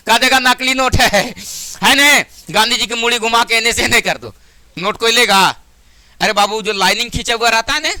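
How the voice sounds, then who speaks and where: A man's voice: very high voice, pushed and bright, smooth, no room sound. A man with a Bihari accent teaching math to a class in a classroom, chatty and joking, sometimes scolding students. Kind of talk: classroom lesson.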